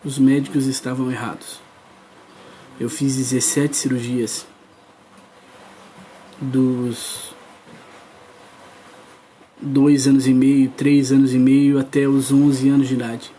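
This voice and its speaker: A man's voice: medium pitch, little pitch movement, takes it slowly, pauses often, mellow, slight background noise. Earnest man preaching his testimony. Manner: earnest, addresses the crowd directly. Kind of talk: testimony sermon.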